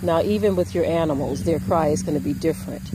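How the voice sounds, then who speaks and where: A woman hosting a casual farm vlog outdoors, telling a story slowly and gently and cooing at the animals. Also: low voice, heavy background noise. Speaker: channel host.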